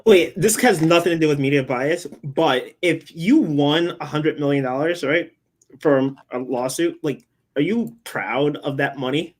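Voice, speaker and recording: A man's voice: on the high side, measured pace. A man co-hosting a podcast, rambling with lots of fillers and tangents. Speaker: podcast co-host. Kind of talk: casual podcast chat.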